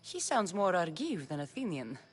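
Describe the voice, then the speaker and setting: A blunt warrior lady, deadpan lines but lively pitch. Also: moderate pace, slightly rough, soft background music. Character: blunt, dry-witted female warrior. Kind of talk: video game character dialogue.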